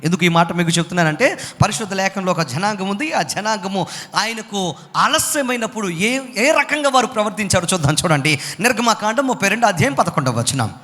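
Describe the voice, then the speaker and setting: A man's voice: high voice, expressive, fairly quick, bright, forceful tone. A man preaching a sermon to a seated congregation, emphatic, repeatedly calling on listeners to respond. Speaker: pastor. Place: church hall with congregation. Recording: long hall reverb.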